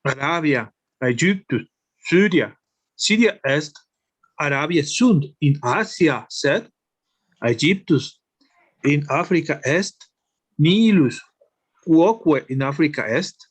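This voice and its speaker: A male student with a husky voice, reading lines and answering questions in a slow, hesitant way. He sounds a little unsure at times, pausing before his answers. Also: on the high side, lively intonation.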